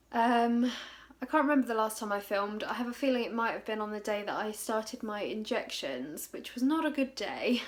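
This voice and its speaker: Tired, breathless young woman vlogging. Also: on the high side. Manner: chatty, laughs often, many fillers. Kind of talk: casual vlog chat.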